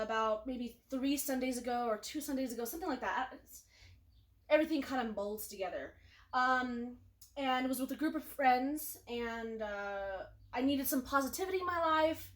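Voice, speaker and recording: A woman with a high, light voice hosts a relaxed interview, chatting loosely and giggling between questions with plenty of "um"s. The room around her sounds echoey. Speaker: interview host. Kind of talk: casual interview chat.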